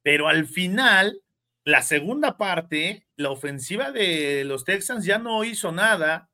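A man's voice: high voice, expressive, slow, sharp tone. A man hosting a sports talk show, presenting emphatically and addressing his co-hosts directly.

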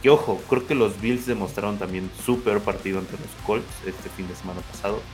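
Lower-voiced man casually analysing sports. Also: brisk, a little mellow, faint music behind. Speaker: sports commentator.

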